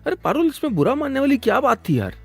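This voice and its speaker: A man voicing an exasperated young boyfriend in an audio story, speaking quickly and pleadingly. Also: extremely high pitch, big pitch swings, vocal fry, slightly rough, dry recording, faint music behind, voice pushed up, full character voice.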